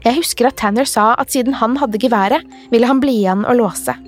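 A woman reading a scripted first-person horror story as a podcast narrator, in a calm, measured way. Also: a little high, faint music behind.

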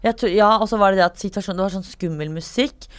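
A woman in her twenties telling a story in casual chat, lively and acting out quotes with sudden shrieks. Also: mid-range voice. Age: 20s. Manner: swears casually.

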